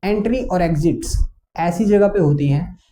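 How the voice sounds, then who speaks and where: A man explaining chart reading in a casual, conversational lesson, often pausing on fillers. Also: high-pitched, dark tone, slight background noise. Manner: conversational, many fillers and English words mixed in. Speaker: trading teacher.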